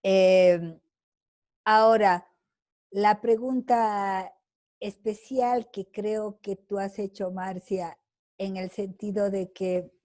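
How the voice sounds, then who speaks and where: An older woman teaches over a video call, taking her time as she answers students. She talks slowly and thinks aloud with fillers and little tag questions. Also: medium pitch, warm tone. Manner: slow, deliberate, with many fillers and tag questions. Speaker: lecturer.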